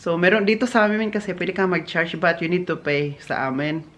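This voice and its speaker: A man's voice: high-pitched, fairly even intonation, a little fast, fairly bright tone, a little hiss or hum. A man from the Philippines vlogging while he works at a hotel, chatty and gossipy, laughing often. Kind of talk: casual chatty vlog. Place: indoors in a hotel. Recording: roomy echo.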